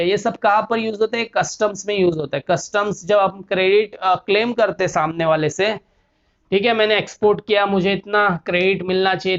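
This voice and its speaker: Male commerce lecturer, rhetorical questions, repeats key terms, muffled lo-fi audio. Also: sits high. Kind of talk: classroom lecture. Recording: dull lo-fi recording.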